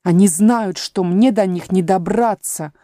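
A woman's voice: medium pitch, a little slow, mellow, no room sound, studio quality, lightly acted. A woman voicing a haughty, hot-tempered talking flower in a storybook reading, imperious and scolding. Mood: angry.

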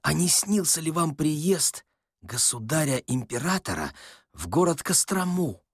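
A man voicing a frightened, tearful old man who wails and pleads in a shrill, drawn-out way. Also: very animated, husky, no room sound, clean studio sound, full character voice. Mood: eager. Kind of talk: audiobook character voice.

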